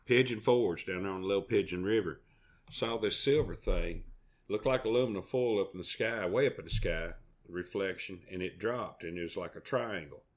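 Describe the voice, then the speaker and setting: A man's voice: low-pitched, moderate pace. A middle-aged man with a Southern US accent, chatting in a rambling, down-home way as a podcast co-host. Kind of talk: folksy casual chat.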